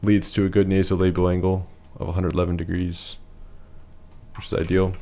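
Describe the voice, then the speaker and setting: A man's voice: deep voice, level tone, fairly quick, warm tone. A man losing his voice, giving a casual, matter-of-fact voice-over that rates features one by one. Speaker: facial analysis presenter.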